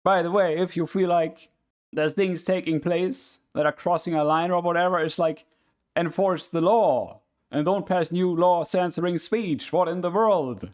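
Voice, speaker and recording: A man with a slightly raised pitch chats casually as he reacts. He comes across as exasperated and incredulous, speaking in short conversational asides. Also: moderate pace. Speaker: VTuber reacting to a video.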